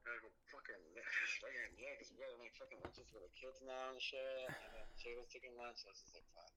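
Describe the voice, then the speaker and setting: A man's voice coming through a phone on speakerphone, very bright and sharp in tone. He talks in a laid-back, slangy way, swearing constantly as he chats. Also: mid-range voice, fast, rough recording. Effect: heard over a phone on speakerphone. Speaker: caller. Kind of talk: casual phone chat.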